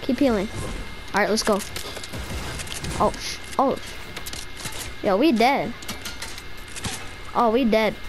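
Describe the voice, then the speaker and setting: A video game player chatting excitedly and casually with squadmates in slangy frat-bro talk full of "bro" and "bruh". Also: medium pitch, slow, long pauses, music in the background, low-quality recording.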